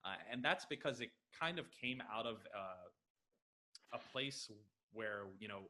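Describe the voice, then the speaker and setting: A man in his thirties with a Los Angeles American accent guests on a football podcast over a video call from a room at home, using a headset. His mid-range voice is bright, expressive and forceful, and he answers the casual interview questions eagerly and quickly, packed with fillers.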